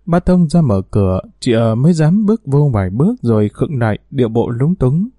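A man narrating a story in an even, unhurried manner. His voice is mellow and warm. The recording is dry and close. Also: mid-range voice, no room sound. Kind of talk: audiobook narration.

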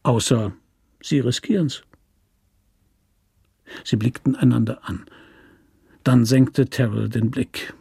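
Man, scripted radio narration, even pace, dark, dry close-mic sound. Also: mid-range voice, creaky, husky, no room sound.

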